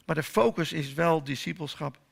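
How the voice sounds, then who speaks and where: A man's voice: fairly high pitch, moderate pace, gravelly. A man preaching a sermon in church, moving from telling a story to emphatic preaching and prayer.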